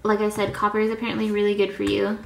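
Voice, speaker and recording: A woman's voice: mid-range voice, monotone, fast, creaky. A woman in her twenties chatting casually to camera as a vlogger, rambling and easily distracted. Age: 20s. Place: small indoor apartment room. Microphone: camera at arm's length. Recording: echoey small room with faint noise.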